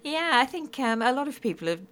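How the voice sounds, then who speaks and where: A woman's voice: sits high, big pitch swings, fairly quick, a bit bright. A middle-aged woman from Swansea with a Swansea Welsh accent, talking conversationally as an author being interviewed. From Swansea, Wales.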